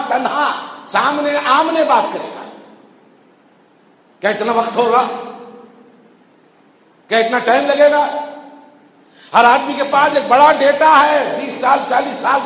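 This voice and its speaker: Man, Friday sermon, very high voice, impassioned, repetitive, roomy echo, faint noise. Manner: impassioned, repeating phrases, rising to shouts. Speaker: preacher. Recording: echoey hall with faint background noise.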